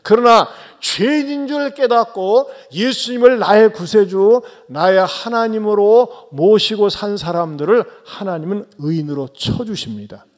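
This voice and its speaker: A male pastor with a high-pitched voice preaches a Sunday sermon at a measured pace with few pauses. He questions his listeners and addresses them directly, swinging between soft, low asides and loud, urgent exhortation.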